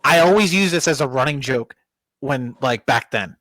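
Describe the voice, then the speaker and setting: A man's voice: medium pitch, lively intonation, normal speed, fairly bright tone, no room sound. A young man co-hosting a podcast, telling a rowdy, profane story in casual chat and laughing often. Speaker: podcast co-host.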